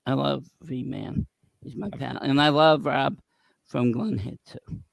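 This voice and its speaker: Very gravelly, creaky-voiced man chatting. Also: mid-range voice, takes it slowly, no echo. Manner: rambling. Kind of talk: casual chat.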